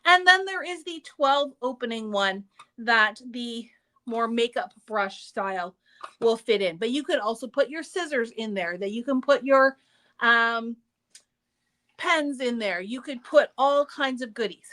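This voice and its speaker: Hosting a craft shop's livestream, a woman with a high, bright voice talks through products and store dates in a chatty, upbeat way, teasing a little. Her delivery is expressive and slightly slow.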